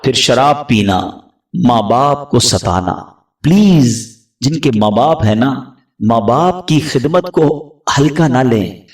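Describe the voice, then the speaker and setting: A man preaching a sermon with passion, rising to loud peaks and dropping to low pleading tones. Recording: echoey hall, voice from far off the mic.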